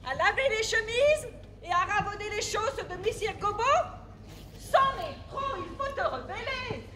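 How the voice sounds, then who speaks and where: A woman's voice: very high-pitched, expressive, bright, forceful tone, full character voice. An actress playing a scheming, rebellious medieval village woman in a farce, theatrical and exclamatory. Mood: indignant. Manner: theatrical, exclamatory, drawn-out emphasis. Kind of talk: open-air farce acting. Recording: live festival recording, clear background noise.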